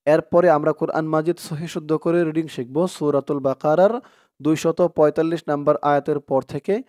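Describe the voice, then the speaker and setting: Man, Bangladeshi Bengali accent, higher voice, dry close sound, drawn-out recitation lesson. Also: dark tone, no room sound. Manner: spells out letters, drawing out chanted words. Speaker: Quran reading teacher.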